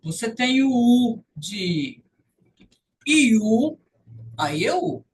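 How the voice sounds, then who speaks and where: Brazilian woman teacher, patient and slow-spoken, heard from across the room. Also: on the high side, big pitch swings, a little mellow, far from the mic, a little hiss or hum, low-quality recording. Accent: Brazilian Portuguese. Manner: patient, repeats sounds slowly to demonstrate. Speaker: language teacher. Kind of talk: online English lesson.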